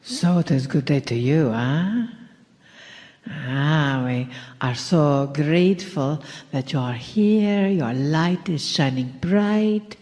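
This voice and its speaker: A woman giving a channeled spiritual talk to a gathering in a deliberate manner. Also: deep voice, lively intonation, mellow. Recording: long hall reverb.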